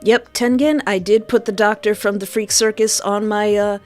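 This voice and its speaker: A woman who livestreams and develops games chats casually and effusively with her viewers, reacting aloud to chat messages in an informal way. Her mid-range voice keeps a steady tone at normal speed, with soft background music behind it.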